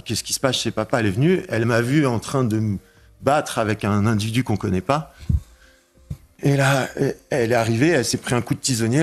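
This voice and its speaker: In this interview, a man with a mid-level pitch describes being broken into, stumbling through the story with visible emotion. He repeats things, and his voice rises whenever he relives what happened.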